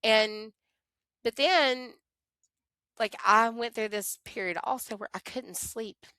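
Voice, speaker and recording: A middle-aged woman, telling a personal story as an interview guest in animated, expressive conversation. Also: a little high, slow pace, clear, resonant tone, no room sound, studio quality. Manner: animated, expressive, talks to herself in quoted prayers.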